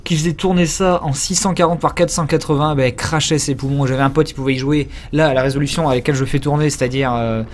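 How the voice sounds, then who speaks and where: A man's voice: a little high, steady tone, fast talker, few pauses, slight background noise. A man giving casual live commentary while playing a video game, rambling and crude, joking with many fillers. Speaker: game streamer.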